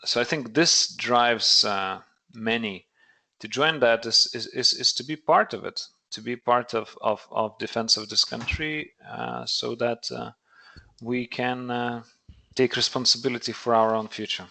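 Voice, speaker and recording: A man's voice: mid-range voice, fairly even intonation, measured pace, gravelly, bright, forceful tone. A man, a podcast guest explaining things thoughtfully and searching for words. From Lithuania. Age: late 30s. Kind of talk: earnest podcast conversation.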